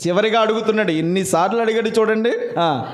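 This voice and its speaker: A priest, preaching a lively Sunday homily to his congregation with many rhetorical questions. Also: sits high, fast talker. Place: church. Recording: echoey church.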